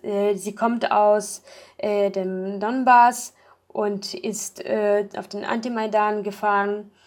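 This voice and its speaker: Woman, interview, thoughtful, hesitant, many fillers, mid pitch. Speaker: project member. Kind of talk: casual interview talk.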